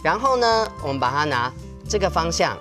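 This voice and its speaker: Young male kids' show host, Taiwanese accent, high voice, coaxing talk-to-toddlers delivery, music underneath. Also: big pitch swings, fairly quick. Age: young adult. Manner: speaks as if to toddlers, simple and coaxing. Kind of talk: presenting an origami lesson to small children. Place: television studio.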